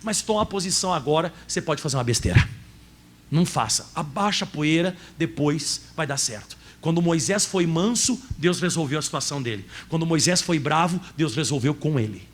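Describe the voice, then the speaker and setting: A man with a Brazilian Portuguese accent preaching a sermon as pastor, emotional, rising at times to loud cries. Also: on the high side, lively intonation, a little fast.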